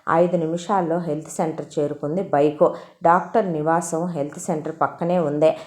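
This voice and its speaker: A woman reading a story aloud in steady, expressive narration. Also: low voice, normal speed.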